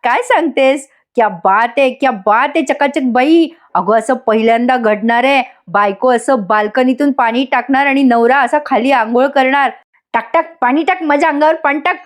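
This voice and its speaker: A woman voicing a loud, melodramatic young husband from a soap. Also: high voice, moderate pace, lightly acted. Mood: dramatic.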